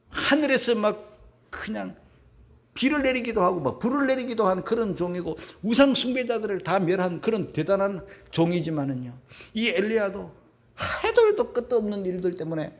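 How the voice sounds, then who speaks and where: A male pastor preaching a sermon, swinging from loud emphatic bursts to hushed whispers and calling his congregation to read along together. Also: high-pitched. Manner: leads the congregation in reading aloud together. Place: church sanctuary.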